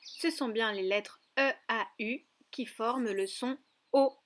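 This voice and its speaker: A woman teacher with a fairly high voice leads a recorded lesson for small children. She speaks at an unhurried pace and sounds out each word carefully. She addresses the child directly. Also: fairly bright tone, slight background noise. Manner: slow and clearly articulated, addressing a child directly. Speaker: preschool teacher.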